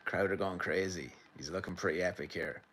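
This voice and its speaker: This livestream host, an Irish man from the midlands, chats with viewers and comments loosely on a match from his sitting room. He speaks in a deep, steady voice that's brisk and fairly bright, with a bit of background noise.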